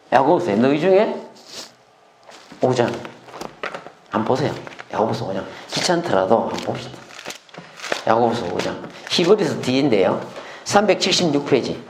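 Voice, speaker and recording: A middle-aged male pastor teaching scripture in a sermon, animated, asking the congregation rhetorical questions and acting out cries of lament in a sudden high voice. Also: slight background noise. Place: church sanctuary. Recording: echoey church hall.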